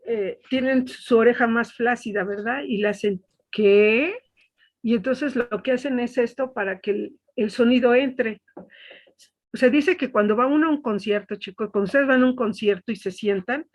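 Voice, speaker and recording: A woman teaching an online class into her webcam. Her voice sits a little high as she explains each point step by step, checking in with her students as she goes. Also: a little mellow.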